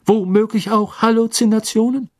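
A man voicing a pompous, stubborn male minister who shouts indignantly. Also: high voice, steady tone, normal speed, dry recording, studio quality, voice pushed up, natural voice.

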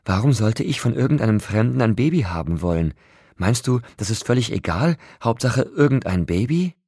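A man reading an audiobook, voicing a frail, stubborn young woman who speaks softly and pleads. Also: deep voice, normal speed, creaky, no echo, studio quality, voice pushed up. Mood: angry. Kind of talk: audiobook character voice.

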